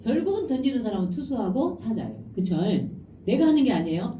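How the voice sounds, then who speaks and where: A middle-aged woman lectures with a lively, rising and falling voice. Her tone is mellow and fairly high. She sits back from the mic in an echoing hall. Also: quick pace, distant mic, a little hiss or hum. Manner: animated, acts out parent and child lines with laughter. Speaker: parenting lecturer. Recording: roomy hall, speaker away from mic.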